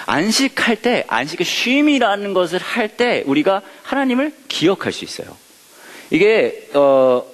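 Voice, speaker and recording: Lively male pastor in an echoing hall. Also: on the high side. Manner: lively, asks the audience questions and jokes. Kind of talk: Bible study teaching.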